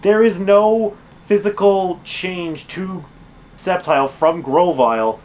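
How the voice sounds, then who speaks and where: A man's voice: high voice, slow pace, darkish tone. A man streaming a game, chatting casually and rambling with lots of fillers and self-corrections. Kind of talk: casual chat while gaming.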